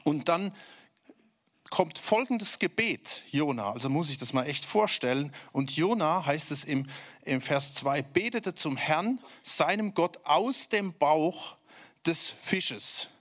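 A man preaching a sermon in a conversational way, asking listeners direct questions and dropping low and slow for emphasis. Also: lively intonation, fairly bright tone.

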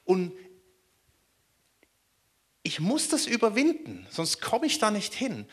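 A man from Germany preaching a sermon in a lively way, often turning to ask his listeners questions. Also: sits high, takes it slowly, slightly rough. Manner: animated, asks the listeners questions.

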